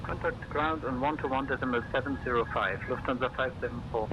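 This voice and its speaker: A man's voice: medium pitch, fairly quick. A man making a pilot's radio call heard over a cockpit headset, in clipped radio phraseology. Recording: muffled radio line with steady noise.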